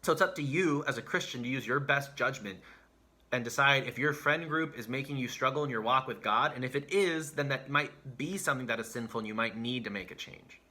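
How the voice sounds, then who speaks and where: A man's voice: medium pitch, brisk, sharp tone. A man giving a youth sermon as a pastor, speaking earnestly and emphatically and repeating key phrases for stress. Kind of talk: sermon for teenagers.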